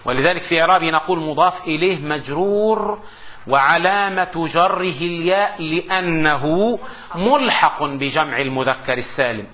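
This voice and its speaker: A man teaching grammar in a lecture, with a high, bright voice. He poses questions to his students and drawls out his example phrases. The recording is dull and lo-fi. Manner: explains with rhetorical questions and slow recitation of examples. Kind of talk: classroom lecture.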